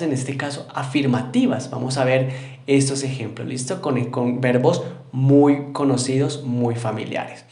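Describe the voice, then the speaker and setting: A man's voice: mid-range voice, darkish tone, echoey room. A Spanish-speaking man teaching an English grammar lesson, explaining step by step, repeating example words, and saying them with a British accent.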